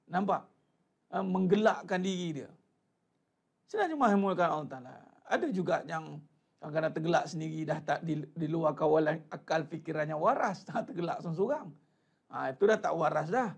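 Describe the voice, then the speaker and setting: A man's voice: fairly high pitch, fairly quick, vocal fry. A man with a Malaysian Malay accent giving a spoken religious lecture, asking the audience rhetorical questions and chanting Arabic verses. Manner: animated, addresses audience as "tuan-tuan", rhetorical questions. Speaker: religious teacher.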